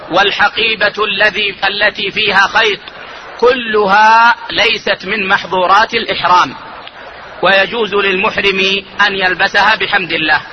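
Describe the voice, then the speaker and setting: A man who is an Islamic scholar, giving a religious lesson on jurisprudence in a measured, deliberate way and slowing down to stress key points. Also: high-pitched, muffled recording, noisy background.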